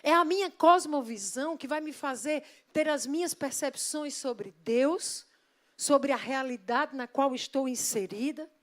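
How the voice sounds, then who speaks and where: A woman's voice: high voice, a bit bright. A woman pastor preaching a sermon in church, emphatic and asking the congregation rhetorical questions.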